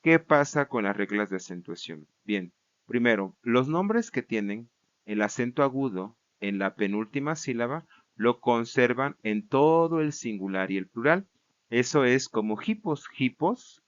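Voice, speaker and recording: A man lectures on grammar at a steady middle pitch, pausing to repeat terms and to check that his students follow. His explanations are patient and methodical. The recording sounds slightly dull, like lo-fi lecture audio. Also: smooth. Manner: repeats words and restarts while explaining. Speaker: Greek grammar teacher.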